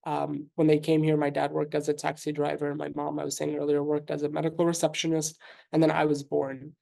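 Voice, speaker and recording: This thirtyish New York City doctor, whose native tongue is Russian, gives measured, reflective interview answers peppered with fillers and false starts. His slightly high voice is monotone and creaky, with a darkish tone.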